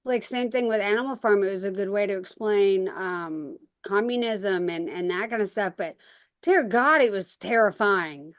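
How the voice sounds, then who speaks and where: A woman hosts a relaxed conversation in a casual, exclamatory manner and reacts quickly to her guest. Her voice sits in a middle pitch. The recording is dry and close, with no room sound. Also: no echo. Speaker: podcast host and bookshop owner.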